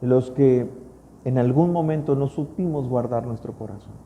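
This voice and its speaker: Mexican pastor preaching in a reverberant hall. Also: male voice, medium pitch, normal speed, warm tone, a little hiss or hum. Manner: storytelling preacher, rising to emphatic peaks. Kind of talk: sermon. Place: church. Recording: long church-hall reverb.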